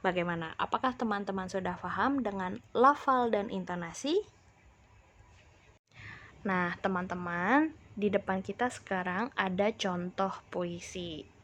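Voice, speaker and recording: A woman's voice: mid-range voice, fairly bright tone. A woman teacher giving a recorded lesson to children, explaining patiently and speaking straight to the class. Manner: slow, patient explaining, addresses the class directly.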